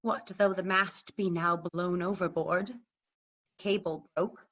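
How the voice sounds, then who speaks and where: A proud warrior queen, acted by a woman declaims verse in a bright, forceful voice. She takes her time over the lines, in formal stage style, through slightly dull video-call audio. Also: fairly low pitch, fairly even intonation, slow. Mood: resolute. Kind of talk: staged reading of Shakespearean verse drama.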